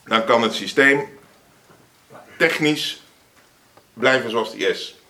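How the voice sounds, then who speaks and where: A man answering questions in a council meeting, explaining in a measured, slightly halting way. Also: mid-range voice, pushed and bright. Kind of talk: formal meeting reply.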